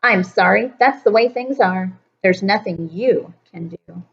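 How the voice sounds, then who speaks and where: A woman's voice: mid-range voice, unhurried, gravelly, a bit bright. Woman voicing grumpy businessman, scoffing, bitter, rhyming storybook, dull recording. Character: gloomy grumpy businessman with a briefcase.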